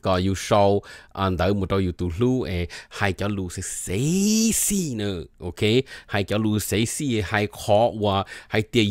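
Low-voiced man explaining casually. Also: darkish tone, no room sound, studio quality. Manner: reads short English phrases aloud, then explains them at length. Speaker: presenter.

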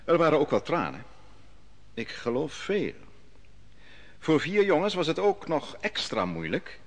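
A man with a fairly high voice whose pitch swoops wildly acts in a 1950s Dutch radio drama as a narrating prophet. His character, an exile now grown, tells solemnly of youth spent at a foreign king's court, in measured, solemn storytelling.

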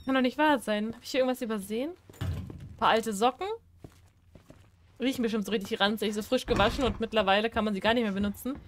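High-voiced woman chatting through a horror game. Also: fast talker, pauses often, a little hiss or hum. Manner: chatty, talks to game characters, swings from shrieks to mumbling. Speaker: gaming streamer. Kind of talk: casual Let's Play commentary.

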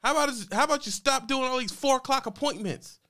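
A man's voice: very high-pitched, quick pace, pushed and bright. A man streaming, reacting to a clip and ranting heatedly, talking back at it and calling people bro and man. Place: home streaming room.

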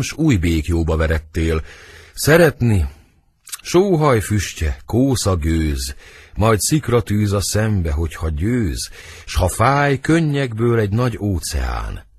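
A man reading the part of Romeo, a brooding lovesick young nobleman, in husky, lyrical verse for an audiobook. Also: big pitch swings. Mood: lovelorn. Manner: lyrical verse reading, wide swings in pitch.

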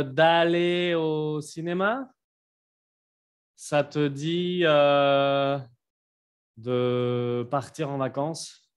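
A man from France, teaching phrases in a patient online lesson and repeating each phrase slowly for learners. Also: on the high side. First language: French. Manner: writes on a board while explaining. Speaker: French teacher.

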